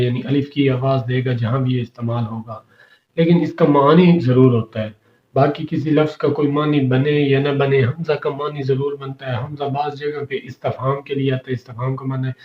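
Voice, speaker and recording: Male teacher, middle-aged, patient step-by-step explainer; echoey, muffled recording. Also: mid-range voice. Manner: patient, repeats letters slowly, recites verses in drawn-out chant. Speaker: Quran reading teacher. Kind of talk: explanatory lesson. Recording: echoey, dull lo-fi room sound.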